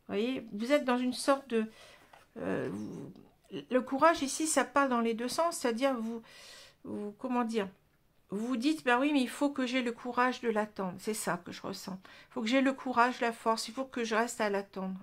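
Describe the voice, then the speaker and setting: French lady doing a tarot reading, kinda high voice, talky, keeps restarting her sentences. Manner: chatty, frequent "hein" and restarts. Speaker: tarot card reader. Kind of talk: casual monthly tarot reading.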